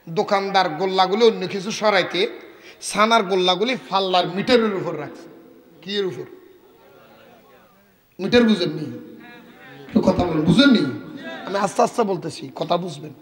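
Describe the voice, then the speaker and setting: Chittagonian-accented preacher guy, high voice, acts out his story, keeps asking the crowd questions. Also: in a large hall. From Bangladesh. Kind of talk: sermon with storytelling. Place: outdoor religious gathering.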